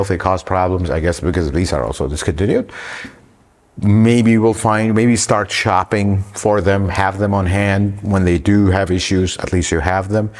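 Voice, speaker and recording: A man who runs an auto repair shop, explaining a car problem to viewers in an animated, exasperated way. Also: deep voice, in a large hall. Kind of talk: shop-floor explainer talk.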